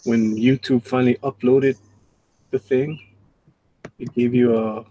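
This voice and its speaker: A man's voice: mid-range voice, flat delivery, a little slow, mellow, dry recording. A man chatting and teasing on a live stream, laughing at his own jokes. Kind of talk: casual live-stream chat.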